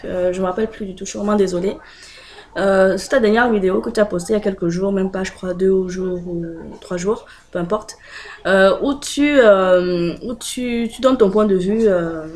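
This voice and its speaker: A woman's voice: mid-range voice, a little mellow. A woman with a French accent chatting casually to her viewers, hesitant and full of fillers, laughing often. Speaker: video blogger. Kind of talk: casual direct-to-camera chat.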